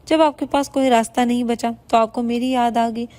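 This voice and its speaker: A woman voices a wronged young wife in a storybook tale, restrained and dignified. The voice is high and held level. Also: steady tone, mellow, natural voice. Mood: bitter. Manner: bitter yet respectful, restrained.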